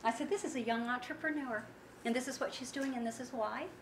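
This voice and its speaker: A woman with a high, bright voice gives a motivational talk and tells her stories with lively acted-out quotes. Her voice rings through a roomy, echoing event space. A faint hum of background noise sits behind her. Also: quick pace. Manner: animated storytelling with acted-out quotes. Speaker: speaker and founder of a women's business network.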